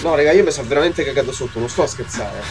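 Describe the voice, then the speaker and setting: A man's voice: medium pitch, racing, music in the background. A young man, giving horror let's play commentary, muttering to himself, swearing and yelping in fright. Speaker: gaming channel host.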